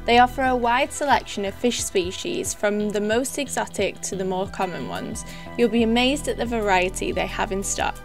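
A woman's voice: mid-range voice, moderate pace, hardly any pauses, faint music behind. A woman hosting a shop tour, upbeat and chatty as she interviews staff. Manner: upbeat, chatty, laughs often. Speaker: host.

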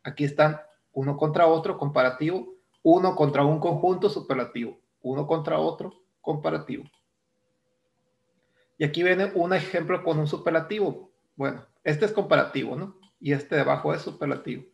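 A man's voice: on the high side, normal speed, creaky, dull audio. A male English teacher with a Mexican Spanish accent, explaining grammar step by step in a recorded lesson and checking in with "¿no?" as he goes. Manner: explains step by step, repeats terms, asks "¿no?".

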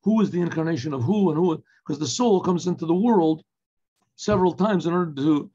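In a room lined with bookshelves, a webcam captures an older rabbi teaching a Torah class text, where he poses and answers his own questions and drops in Yiddish and Hebrew phrases. His voice is fairly high, warm and brisk, with a breathy edge. The sound is dull and lo-fi.

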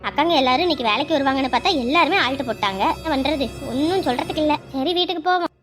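A woman's voice: high-pitched, very fast, faint music behind, lightly acted. A woman playing a comforting young wife. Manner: reassuring, scolding at times. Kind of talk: TV serial acting.

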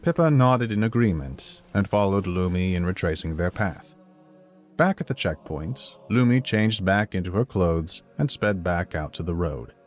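Deep-voiced man narrating a story. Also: animated, moderate pace, faint music behind. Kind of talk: fan fiction audiobook narration.

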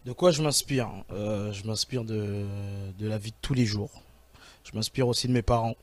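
A man's voice: lowish voice, normal speed. Hesitant man talking about his comedy. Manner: hesitant, often searching for words. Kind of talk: casual interview.

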